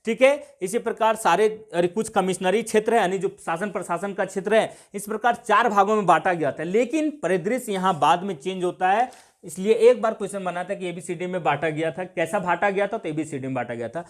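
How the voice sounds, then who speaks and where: A male coaching teacher with a Jharkhand Hindi accent, lecturing in a high-pitched voice. He asks questions of the class and answers them himself, circling back to repeat each point. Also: a little fast.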